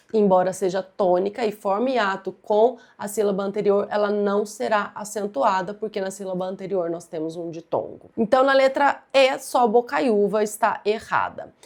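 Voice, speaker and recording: Her voice creaky, darkish, and medium in pitch, this Brazilian teacher walks through a grammar lesson for exam prep in a Brazilian Portuguese accent. She explains every answer by emphasizing and repeating the key words.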